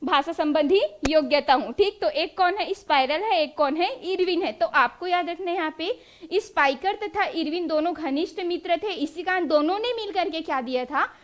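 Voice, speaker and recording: Woman teacher, very high voice, exam-prep lesson, asks and answers her own questions. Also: moderate pace. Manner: drills students with quiz-style questions, then answers them.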